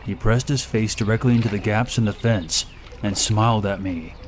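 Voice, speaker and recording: A man reading a first-person horror story aloud in a steady, measured way. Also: lowish voice, a little hiss or hum. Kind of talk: scripted horror story narration.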